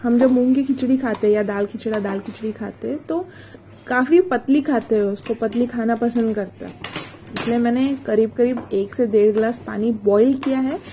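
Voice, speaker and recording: A woman's voice: fairly high pitch, moderate pace, mellow. A woman, hosting a casual cooking tutorial and explaining each step as she cooks. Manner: chatty, explains each step while stirring. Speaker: cooking channel host. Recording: noisy kitchen with frying sizzle.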